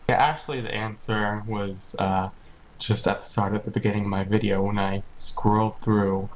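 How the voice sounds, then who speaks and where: A man's voice: fairly low pitch, fairly even intonation, moderate pace. A man speaking sarcastically in a commentary video clip. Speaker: video creator. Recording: dull lo-fi clip with faint hum.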